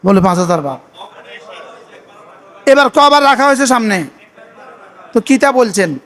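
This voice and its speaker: A man preaching a sermon, firing repeated questions at his listeners and reciting Arabic prayers slowly. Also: extremely high pitch, expressive, fairly bright tone. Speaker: Islamic preacher.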